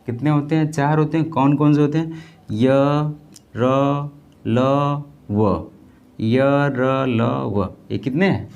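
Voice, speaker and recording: The recording is muffled, and the man's mid-range voice is slow, gravelly, and a little mellow. Teaching an exam-prep class, he repeats key terms, quizzes students by asking them back, drills by call and answer, and treats viewers as friends.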